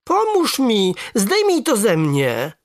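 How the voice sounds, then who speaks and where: A storyteller voicing an excited little boy calling for his grandfather in a children's story. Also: measured pace, husky, no echo, clean studio sound, full character voice. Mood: panicked. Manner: high, loud cries.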